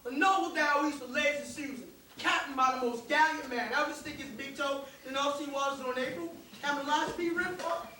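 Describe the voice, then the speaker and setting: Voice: sits high, brisk, few pauses, pushed and bright, slight background noise. A stage actor playing a dim, boastful old harbor sailor with rustic folksy speech. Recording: echoey hall, distant mic.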